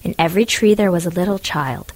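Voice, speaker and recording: Husky woman reading a storybook. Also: lowish voice, animated, quick pace, a little mellow, no echo. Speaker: narrator.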